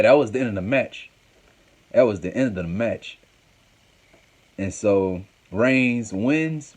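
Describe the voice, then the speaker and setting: A man's voice: fairly low pitch, a little mellow. A man hosting a show, recapping a wrestling match in a casual, rambling way and often repeating himself. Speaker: host.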